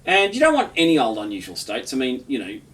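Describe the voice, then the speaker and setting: A man's voice: medium pitch, wildly swooping pitch, fast, fairly bright tone, recorded from a distance, slight background noise. A man in his fifties, reading a poem and then chatting in a rambling way, full of restarts and chuckles. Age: 50s. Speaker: poet. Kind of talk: poetry reading then casual chat. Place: his home.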